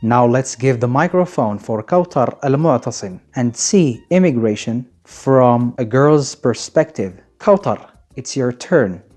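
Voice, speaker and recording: A man's voice: mid-range voice, animated, measured pace, hardly any pauses, darkish tone. A man with a Moroccan accent hosting a radio talk show, speaking as a scripted presenter.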